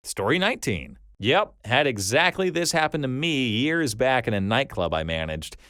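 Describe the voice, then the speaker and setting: A man reads collected stories aloud for his channel in a scripted narration style. His pitch swings widely as he tells them, keeping the delivery animated. The sound is dry and close, with no room around it. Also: normal speed, no echo. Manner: animated storytelling read-aloud.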